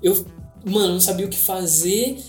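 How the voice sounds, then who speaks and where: A young man with a Brazilian Portuguese accent hosting a podcast, telling a story in casual slang with dramatic pauses. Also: high voice, darkish tone. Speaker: podcast host. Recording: echoey room with faint music.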